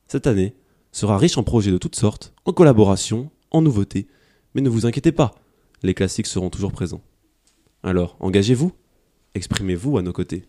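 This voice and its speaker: A man reads a scripted station promo in a measured, declamatory way. His voice sits fairly low, with a mellow, warm timbre. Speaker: radio promo announcer.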